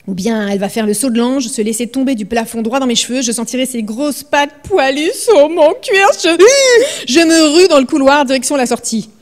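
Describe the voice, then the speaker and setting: A woman's voice: on the high side, a little mellow. A woman novelist vividly reading her own writing aloud at a library event, then speaking about her work. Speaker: author.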